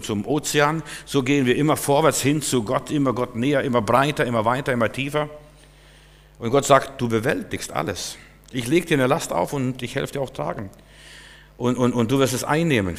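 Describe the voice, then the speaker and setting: A man preaching a sermon emphatically, swinging between loud declarations and quiet asides. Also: mid-range voice. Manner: emphatic, rising and falling dynamics. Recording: echoey hall reverb.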